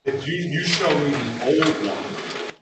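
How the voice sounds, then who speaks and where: A man presiding as judge over traffic court, talking haltingly with repeated words and folksy asides, heard on a courtroom recording. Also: a little high, animated. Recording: echoey room, distant mic, noisy.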